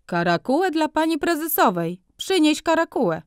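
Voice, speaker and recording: A woman's voice: high voice, sing-song, normal speed, no echo, studio quality, pitched above the performer's own voice. Woman doing a fawning, pushy male furrier. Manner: wheedling salesman patter in broken grammar.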